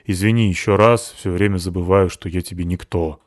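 A man's voice: low voice, steady tone, fairly quick, dry recording, studio quality, close to an everyday voice. A man voicing a coarse brawling woman. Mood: apologetic. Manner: crude, growling. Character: big coarse brawling woman, foul-mouthed. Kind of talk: audiobook character voicing.

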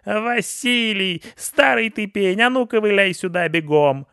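A man voicing a loud, scolding old village woman who wails her complaints at a high pitch. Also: lively intonation, slow pace, clean tone, no room sound, clean studio sound, heavily acted. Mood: wailing, scolding. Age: older. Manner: wailing, shrieking complaints.

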